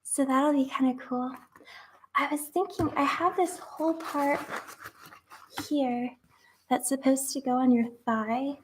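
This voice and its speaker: A woman's voice: sits high, steady tone, measured pace, long pauses, slight background noise. A young woman chatting casually while making crafts, rambling with lots of fillers and sometimes dropping to a whisper.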